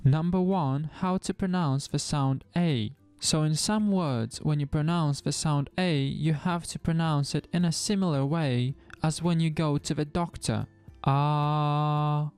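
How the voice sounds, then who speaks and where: A man giving a pronunciation lesson, demonstrating sounds slowly and deliberately. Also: on the high side, darkish tone, smooth, soft background music. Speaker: language teacher.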